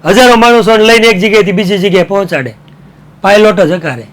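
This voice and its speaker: A male teacher giving an animated online class, mixing in Hindi and English and getting students to call out answers. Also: sits high, fast talker.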